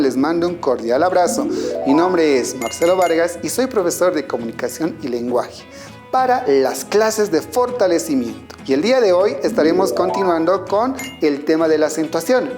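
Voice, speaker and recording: A man with a Bolivian Spanish accent teaches a scripted online lesson. His voice rises and falls a great deal as he explains each point. He speaks clearly and turns to his students with questions. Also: a little high, big pitch swings, moderate pace, over music.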